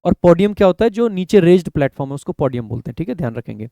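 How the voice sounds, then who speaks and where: A man teaching an exam vocabulary lesson in a slightly raised, mellow voice. He reads English definitions slowly, then explains them chattily, calling viewers "brother" and letting his voice fall at the end of points. The sound is close and dry. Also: big pitch swings, creaky, dry recording. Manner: drops pitch and volume at the ends of phrases; addresses viewers as "mere bhai". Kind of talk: Hindi-English online lesson.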